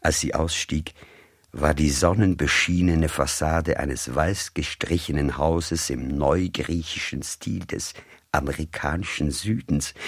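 Very deep, slow male storyteller. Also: slightly rough, no echo, clean studio sound. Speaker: audiobook narrator. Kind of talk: scripted narration.

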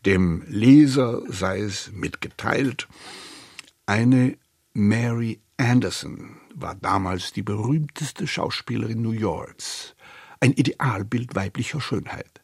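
A man narrating a literary audiobook in a measured, expressive storytelling manner. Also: lowish voice, gravelly, husky, dry recording, studio quality.

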